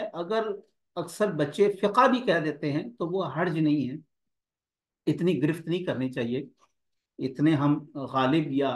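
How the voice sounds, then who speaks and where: Guy lecturing his students, explains step by step, kinda high voice, roomy echo. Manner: explanatory, addresses students directly. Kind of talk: academic lecture.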